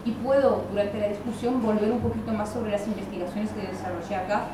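This French lecturer addresses a university audience in Spanish with a mid-range, steady voice and a fairly quick pace. A Buenos Aires tinge colors her mixed French-Spanish accent, and her delivery is hesitant, laden with fillers and dry asides. The sound is distant and echoey, recorded in a large hall with noticeable room noise.

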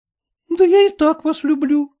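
A man reading aloud, voicing a coy, lively young factory girl in a raised voice. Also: extremely high pitch, measured pace, pitched above the performer's own voice. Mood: pleading.

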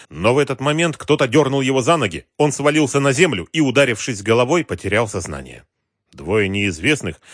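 A man narrating a thriller audiobook in an expressive, dramatic way. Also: mid-range voice, no room sound, studio quality.

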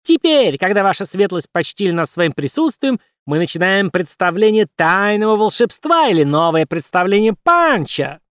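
Punch, a man doing a squeaky puppet. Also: normal speed, hardly any pauses, no echo, clean studio sound. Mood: exclaiming. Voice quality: squeaky, high birdlike chirp. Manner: grandly flattering, exclamatory barker. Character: squeaky shrill male puppet showman, pushy and theatrical. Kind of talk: audiobook character voice.

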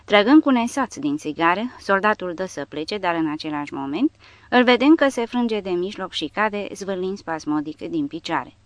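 Low-voiced woman reading a war audiobook. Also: lively intonation, no room sound. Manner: reads dramatically, raising voice for shouted quotes. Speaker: audiobook narrator. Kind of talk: scripted audiobook narration.

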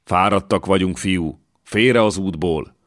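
A man voicing a haughty young German count who speaks with a German accent in a creaking, sneering, pompous manner. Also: low voice, no echo, studio quality, close to an everyday voice. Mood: dismissive. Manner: pompous, commanding.

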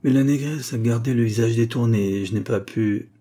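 A man voicing a sharp, self-assured young woman pawnbroker who speaks curtly and dryly. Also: medium pitch, a little fast, close to an everyday voice. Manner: curt, dry.

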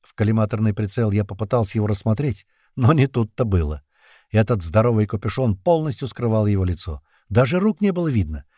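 A man's voice: lowish voice, fairly quick, no echo. Give me a man reading a first-person thriller audiobook. His voice moves up and down expressively and sounds close and dry. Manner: expressive, tense storytelling. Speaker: narrator.

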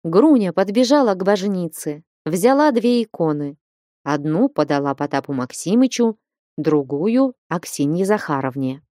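A woman narrating an audiobook in a measured, unhurried reading. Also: lowish voice, sing-song, mellow, no echo, studio quality.

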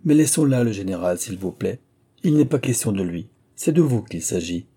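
A man's voice: on the low side, expressive, moderate pace, warm tone, slightly rough. A man voicing a self-assured young woman who teases in a playful, mock-stern way, reading from a storybook.

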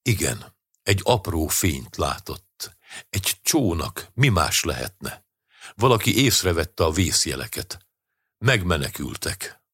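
A man narrating an audiobook story in a measured, even way. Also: sits low, slightly rough, dry recording, clean studio sound.

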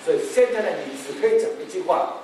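A man preaching a sermon as pastor, lively and animated, acting out family members in quoted voices. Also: sits high, rapid-fire. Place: church hall. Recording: very echoey hall, mic far off, faint noise.

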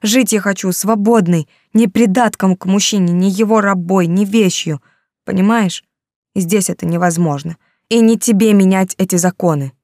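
A desperate young heroine pleads for her freedom in a raised, tearful voice, as a woman reads her. Her tone is warm and dark, and it sits up high and loud against the narration. This is a close, dry audiobook read. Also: normal speed, no room sound, lightly acted. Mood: anguished.

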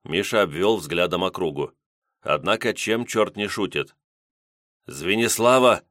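A man narrating an audiobook in a measured storytelling manner. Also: deep voice, a bit bright, dry recording, studio quality.

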